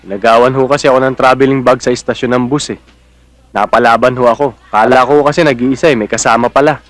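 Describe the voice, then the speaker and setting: Male actor as young provincial nephew, Filipino accent, respectful, plain-spoken, modest, medium pitch, film drama. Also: steady tone, fast, no room sound, close to an everyday voice. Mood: sheepish. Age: young adult.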